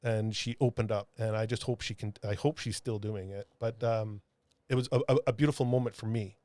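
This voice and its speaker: A man, a comic book artist, telling a heartfelt story in a podcast interview, halting with many restarts and fillers. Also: lowish voice, fairly even intonation, a little mellow, no echo. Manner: earnest, heartfelt.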